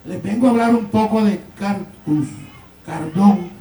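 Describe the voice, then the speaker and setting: Distant, high-voiced man, Colombian Caribbean accent. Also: unhurried, warm tone. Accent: Colombian Caribbean Spanish. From San Juan Nepomuceno, Colombian Caribbean. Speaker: gaita musician and instrument maker. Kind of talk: live explanatory demonstration. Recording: roomy, distant mic with background noise.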